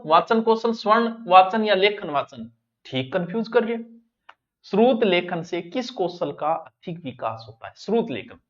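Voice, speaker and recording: A man's voice: a little high, highs cut off. A man teaching an exam-prep lesson, talking straight to his students and repeating the key words.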